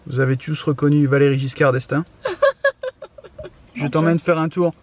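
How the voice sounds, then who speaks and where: A man trades playful teasing remarks with his family. His voice sits high for a man. It sounds dry and close to the mic. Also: wildly swooping pitch, unhurried, dry recording. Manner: teasing, jokey banter. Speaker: family vlogger's partner.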